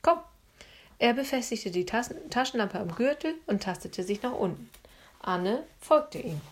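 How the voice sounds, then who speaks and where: Breathy woman reading a children's story. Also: medium pitch. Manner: hushed, suspenseful narration. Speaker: audiobook narrator.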